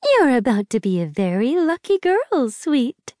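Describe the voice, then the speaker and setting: A woman voicing a falsely sweet middle-aged matchmaker who gushes in a bright, sugary tone. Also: medium pitch, big pitch swings, measured pace, no echo, studio quality. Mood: saccharine. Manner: bright, saccharine, gushing. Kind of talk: audiobook character voice.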